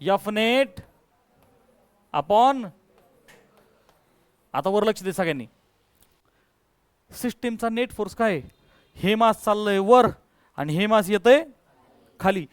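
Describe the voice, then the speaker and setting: Male physics teacher, high voice, smooth and dry, pushes the class for answers. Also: lively intonation, slow pace, pauses often, no room sound. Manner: coaxing, calls students to answer louder. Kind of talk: classroom lecture.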